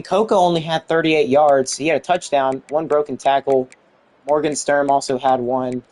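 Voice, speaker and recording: A young man giving excited commentary on a football video game he is playing, exclaiming and mildly swearing. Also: on the high side. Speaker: gaming YouTuber.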